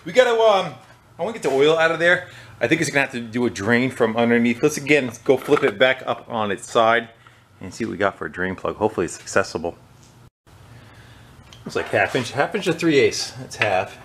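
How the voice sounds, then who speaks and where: There's slight background noise behind this man's mid-range, slightly fast voice. He hosts a small engine repair video, relaxed and chatting as he works at his workshop bench near a wire wheel, sometimes turning away from the mic.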